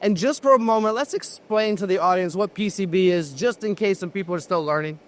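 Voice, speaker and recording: A man's voice: sits high, brisk. A man hosting as a factory tour guide, presenting to the audience and interviewing on location. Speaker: host of a factory tour video.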